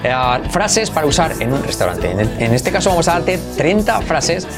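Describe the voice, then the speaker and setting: A man's voice: fairly high pitch, very animated, music in the background. Upbeat man drilling English phrases. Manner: switches between English and Spanish, repeats phrases slowly for drilling; upbeat, encouraging. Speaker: English teacher and channel host. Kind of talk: online language lesson.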